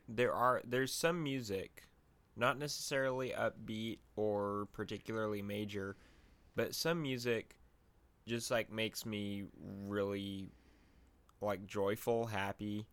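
A man with a fairly low voice speaks very slowly and thoughtfully, full of little fillers, in a casual podcast chat. His voice sounds dry and close to the mic. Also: steady tone, fairly bright tone, clear, resonant tone, no echo. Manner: slow, reflective, many fillers like "like" and "um". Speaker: podcast co-host.

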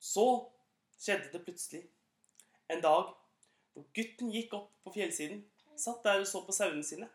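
A woman reading a children's fable aloud in an unhurried, gently expressive storytelling manner. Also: mid-range voice. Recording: echoey room.

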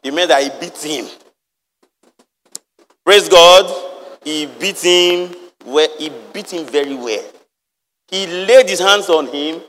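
A man's voice: fairly high pitch, fairly bright tone, big-room sound, slight background noise. A man preaching a sermon, reading verses and firing rhetorical questions at the congregation. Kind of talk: lively sermon with Bible reading.

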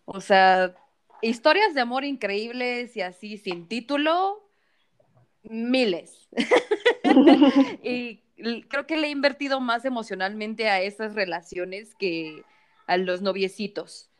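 A woman with a Mexican Spanish accent, co-hosting a casual podcast chat, slangy and quick to laugh as she tells stories. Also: on the high side, smooth. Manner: slangy, laughing storyteller, fills with "o sea". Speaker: podcast co-host.

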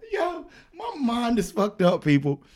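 A man co-hosting a podcast in loud, slangy casual banter, laughing often. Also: extremely high pitch, wildly swooping pitch, slow pace, noisy background. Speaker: podcast co-host.

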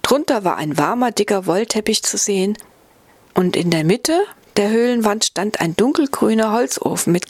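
A woman narrating a children's fairy-tale novel, lively and expressive, slipping into the characters' voices. The recording is close and dry, with no room sound. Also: medium pitch, no echo. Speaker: storyteller. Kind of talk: storybook narration.

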